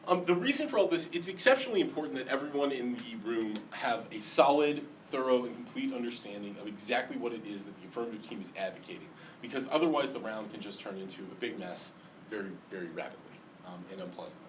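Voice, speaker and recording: A man's voice: mid-range voice, lively intonation, fast talker. Lisping male debate lecturer, distant mic. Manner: explanatory, frequent ums and restarts. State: slight lisp today. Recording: distant mic, faint background noise.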